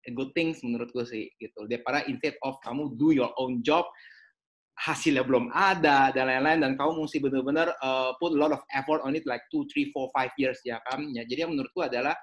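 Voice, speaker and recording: A man's voice: medium pitch, steady tone, a little fast. A man, an education consultant giving chatty advice in a webinar, mixing in English phrases.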